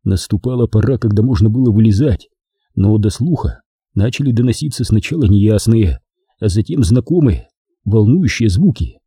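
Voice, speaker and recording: A man reads a wartime memoir aloud in a measured storytelling manner. His voice is very dark and husky, with a lively, rising and falling pitch. The sound is dry and close. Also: dry recording. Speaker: narrator. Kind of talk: audiobook memoir reading.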